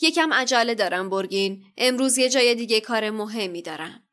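A man's voice: sits high, animated, pushed and bright. A woman voicing a cold, disdainful aristocratic father with a curt, dry manner. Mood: scolding.

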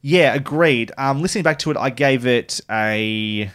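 A man hosting a podcast, chatting casually and reviewing a TV season with quick, joking asides. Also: medium pitch, fairly bright tone, smooth. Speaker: podcast host.

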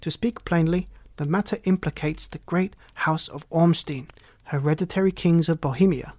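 A man's voice: a little high, moderate pace, a little mellow, no room sound, lightly acted. A man puts on a huge, proud Bohemian monarch for an audiobook. He speaks formally and haughtily, with agitation under the stately manner. The sound is dry and close. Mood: haughty, formal. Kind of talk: audiobook character reading.

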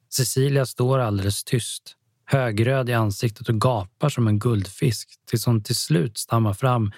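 A man narrating an audiobook story in a calm storytelling manner, close to the mic. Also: mid-range voice, breathy edge, no echo. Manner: calm storytelling, voices each character.

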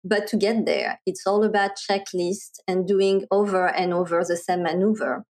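A middle-aged woman from France with a French accent, speaking as an interview guest and explaining things clearly with a light laugh now and then. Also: medium pitch, fairly even intonation, normal speed, a little mellow. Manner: articulate, explanatory, laughs lightly while talking. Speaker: guest, marketing executive. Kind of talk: conversational interview.

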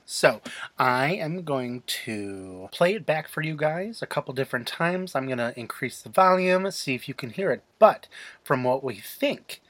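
Lively presenter, dry close sound. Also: mid-range voice, dry recording. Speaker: ghost-hunting presenter. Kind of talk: direct address to viewers.

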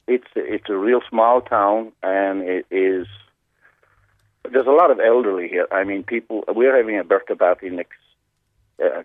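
A man with a North Cork Irish accent and an American twang, chatting casually and haltingly as a guest, with repeated words. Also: lowish voice, dry recording. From North Cork, Ireland. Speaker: radio phone-in guest, pub owner. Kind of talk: casual chat. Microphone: telephone. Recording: narrow-band radio phone line.

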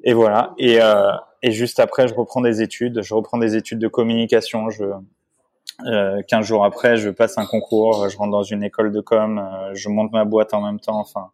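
A man's voice: lowish voice, flat delivery, normal speed, a little mellow. A man speaking as an interview guest, telling a personal story casually, with many restarts, fillers and asides to the listener. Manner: rambling, many restarts and fillers, frequent "tu vois"; emotional, candid recounting.

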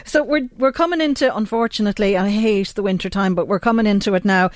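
A woman's voice: mid-range voice, quick pace, dry recording. Chatty Irish woman, close dry sound. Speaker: radio show host. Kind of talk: chatty radio interview. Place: radio studio.

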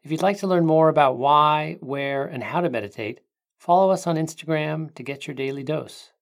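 A meditation guide speaking gently and unhurriedly, with long pauses between soothing instructions. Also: medium pitch. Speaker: meditation guide, podcast host.

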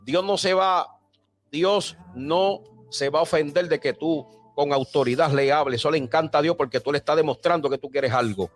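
A man preaching a fiery Pentecostal sermon, building to shouted, repeated exhortations. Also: fairly high pitch, normal speed, soft background music. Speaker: pastor.

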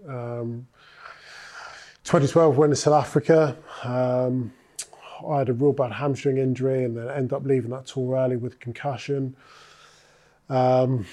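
Man, former rugby player, interview guest, warm mellow voice, thoughtful, hesitant fillers. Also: mid-range voice. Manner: thoughtful, many filler sounds. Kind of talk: casual interview recollection.

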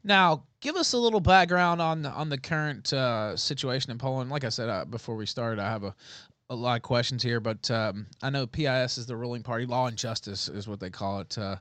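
A male host casually asking a guest questions, halting and restarting with fillers. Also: medium pitch, a bit bright, no echo.

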